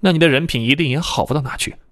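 Male narrator doing a sneering middle-aged cop boss, low and suspicious, talks down to the suspect. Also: racing, fairly bright tone, close to an everyday voice. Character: smug sneering middle-aged male police deputy chief.

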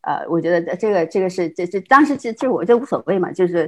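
A middle-aged woman from China, a guest telling her life story in casual conversation, quick and full of restarts and laughs. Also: lowish voice, animated. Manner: fast, with many repeated words and restarts, frequent laughs. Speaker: interview guest.

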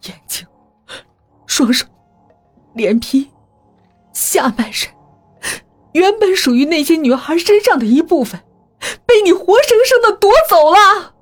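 A woman's voice: very high-pitched, lively intonation, a little fast, hardly any pauses, pushed and bright, dry recording, faint music behind, voice pushed up, heavily acted. A woman voicing a distraught young male doctor who speaks in a trembling, pleading voice.

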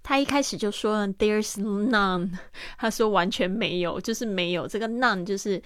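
A woman hosting an English lesson in Mandarin. She breaks phrases into parts and repeats them in a lively way. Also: mid-range voice, normal speed, no room sound. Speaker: English teacher and host.

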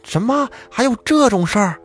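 A man voicing an old mother who speaks softly and asks anxious questions. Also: on the high side, huge pitch swings, unhurried, gravelly, soft background music, pitched above the performer's own voice, full character voice. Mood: alarmed. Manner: soft, questioning. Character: old mother, worried, soft-spoken.

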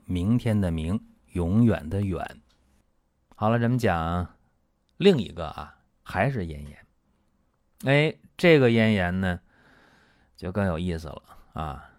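Low-voiced man hosting a health talk show. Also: darkish tone, no room sound, clean studio sound. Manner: chatty storytelling, acts out dialogue. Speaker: traditional Chinese medicine talk show host. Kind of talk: talk-show health lecture with case stories.

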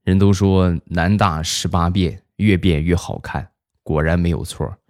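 A man narrating funny stories in a wry, deadpan way. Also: sits low, unhurried, no room sound, studio quality. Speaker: comic storyteller. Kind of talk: scripted comic narration.

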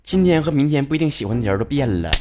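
A man's voice: mid-range voice, lively intonation, very fast. A man with a Northeastern Chinese accent hosting a comedy talk show, joking colloquially through listener messages and firing off rhetorical questions. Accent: Northeastern Chinese (Dongbei). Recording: loud music bed under the voice. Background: loud music.

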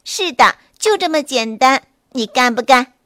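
Small clever gray rabbit, brisk and fearless, high bright voice, dry close sound, as a woman storyteller puts it on. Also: expressive, no room sound. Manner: brisk, cheerful, confident.

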